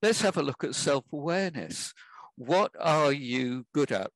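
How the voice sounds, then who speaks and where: A man, speaking as an interview guest who offers life advice in a measured, emphatic way. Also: on the high side, animated, dry recording, low-quality recording. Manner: measured, advisory, emphatic at key points. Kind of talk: casual interview.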